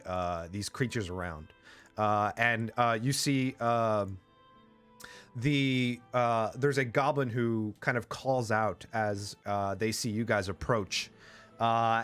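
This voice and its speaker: A man's voice: on the low side, fairly bright tone. A man narrating as game master, rambling with lots of fillers.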